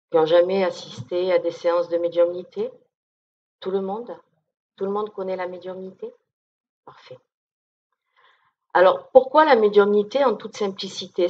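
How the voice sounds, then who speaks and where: A woman's voice: lowish voice, darkish tone, muffled recording. A woman medium giving an informal conference talk to an audience, down-to-earth and chatty, often checking in with listeners. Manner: down-to-earth, chatty, many fillers and check-ins.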